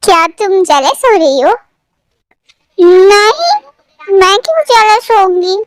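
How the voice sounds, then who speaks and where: A woman voicing a tipsy, sulky young woman in love, reading a fan fiction story aloud, with pouty, drawn-out lines. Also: very high voice, lively intonation, no echo, full character voice.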